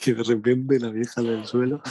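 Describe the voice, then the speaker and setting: A young man from Spain with a Spanish accent, telling a slangy, animated anecdote in casual chat. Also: medium pitch, breathy edge, dry recording. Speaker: storyteller.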